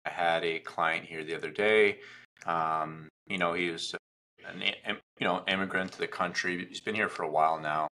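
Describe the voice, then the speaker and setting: A man's voice: sits low, moderate pace. A man hosting a podcast, telling business stories in casual chat with lots of fillers. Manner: animated, filler-heavy storytelling. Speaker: podcast host, equipment seller.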